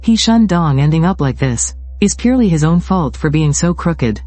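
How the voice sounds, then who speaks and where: A man reading out a story recap, voicing every part in a steady, even way. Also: a little high, moderate pace. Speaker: recap narrator. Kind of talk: scripted story narration.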